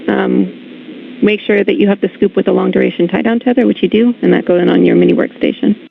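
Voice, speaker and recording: A woman talking to spacewalkers over a space-to-ground radio link, giving brisk, clipped procedural instructions. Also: mid-range voice, steady tone, vocal fry, slightly rough. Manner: brisk, clipped, matter-of-fact. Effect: space-to-ground radio transmission. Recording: tinny radio loop with faint hiss.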